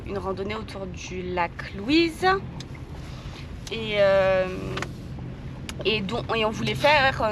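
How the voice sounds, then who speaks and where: A woman's voice: on the high side, noisy background. A woman vlogging about her travels in a casual, rambling way, hesitating often and giggling between sentences. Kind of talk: casual travel vlog narration.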